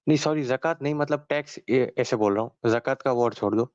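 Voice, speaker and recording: A man's voice: mid-range voice, a little mellow, dry recording. A man putting questions to a debate host, hesitant and often correcting himself mid-sentence. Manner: hesitant, self-correcting, many fillers. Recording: dull dry lo-fi sound.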